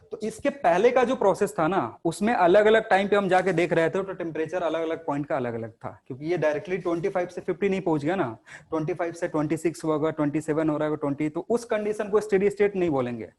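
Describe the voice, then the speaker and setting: A man with a fairly high voice teaches a live class. He talks students through each step, asking a question and supplying the answer himself. His Hindi is peppered with English technical terms. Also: a little mellow. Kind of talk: classroom lecture.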